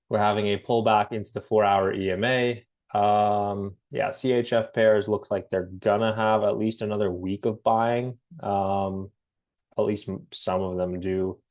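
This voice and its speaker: A man with a cold and a slightly raspy voice, casually talking through a trading market breakdown with many pauses and restarts. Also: fairly low pitch. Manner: relaxed, halting, many ums and restarts. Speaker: forex trading analyst.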